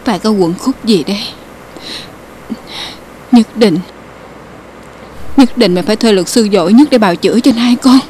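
A woman's voice: medium pitch, moderate pace, pauses often, warm tone, a little hiss or hum, close to an everyday voice, rough recording. An actress playing a distraught middle-aged mother, pleading insistently. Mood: distressed.

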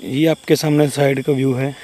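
A man's voice: medium pitch, level tone, moderate pace, warm tone, slight background noise. A young man hosting a night-time paranormal vlog outdoors, talking casually to his viewers through a handheld camera mic and grumbling about mosquitoes. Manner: addresses viewers as friends, complains about mosquitoes. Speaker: paranormal vlogger. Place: outdoors at night in a rural wooded area. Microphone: camera-mounted mic, camera held in hand.

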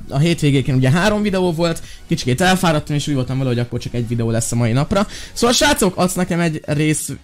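A young man from Hungary playing Minecraft, joking around and shouting commands in playful role-play with lots of fillers. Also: a little high. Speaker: gaming YouTuber.

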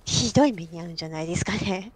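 A woman's voice: on the low side, racing, breathy edge, no room sound. A woman co-hosting a game let's play, bantering and protesting with a giggle in casual chat on a close mic.

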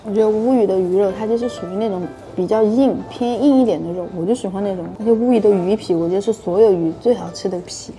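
A woman's voice: mid-range voice, fast, few pauses. A woman in her twenties chatting casually as a food vlogger, talking while eating with her mouth burning from spicy food. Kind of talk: casual mukbang vlog chat. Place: busy hotpot restaurant, some outdoors on street. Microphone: small clip-on lapel mic. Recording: loud music behind the voice. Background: loud music.

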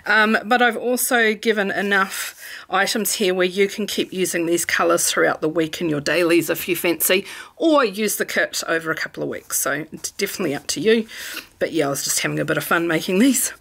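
A middle-aged woman with a Kiwi accent talks through her planner at home, relaxed and chatty, with plenty of ums. Her voice sits on the low side for a woman and has a gravelly edge. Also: a little fast. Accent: New Zealand. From New Zealand. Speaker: planner vlogger. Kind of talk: casual craft chat. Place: home room.

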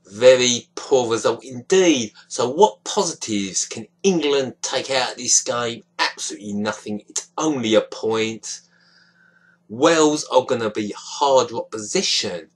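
Slow-talking young man venting on webcam. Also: mid-range voice, rough recording. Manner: frustrated, disappointed, gestures a lot with hands. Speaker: football fan giving match reaction. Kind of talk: casual webcam commentary. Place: small dim room indoors. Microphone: webcam at close range.

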